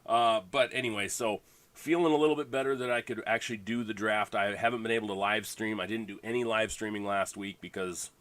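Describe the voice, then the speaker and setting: Male league host, congested, low-pitched, loose rambling livestream chat with fillers. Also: fairly even intonation, brisk, fairly bright tone, dry recording. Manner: rambling, full of fillers and restarts.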